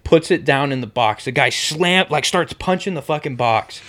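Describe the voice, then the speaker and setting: Young male podcast host, animated and profane, fairly high voice with a lot of swing. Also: moderate pace, crowd noise. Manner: animated, swears a lot, says bro and like. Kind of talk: casual podcast storytelling.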